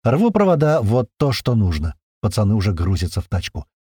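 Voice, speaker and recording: A man reads a first-person action story in a tense, lively telling. His pitch rises and falls a lot, and his mid-pitched voice sits up close in a dry sound. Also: fairly quick, slightly rough, dry recording. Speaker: narrator. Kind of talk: first-person audiobook narration.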